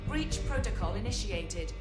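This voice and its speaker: A facility computer alarm blaring overheating warnings. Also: female voice, mid-range voice, normal speed. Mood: cold alarm. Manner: flat, clipped machine warnings of overheating. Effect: automated alarm announcement over a loudspeaker. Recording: echoey loudspeaker in a game. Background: loud game music.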